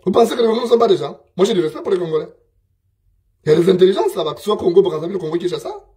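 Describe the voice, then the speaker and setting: A man speaks in a high voice. He delivers a scornful political monologue and hammers his points home by repeating them. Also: big pitch swings, very fast, mellow. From Gabon. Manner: scornful, emphatic, repeats himself.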